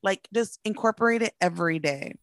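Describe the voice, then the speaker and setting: A woman's voice: mid-range voice, expressive, fairly quick, no echo, clean studio sound, soft background music. A woman co-hosting a podcast in casual chat, blunt and profane, laughing often. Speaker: podcast co-host.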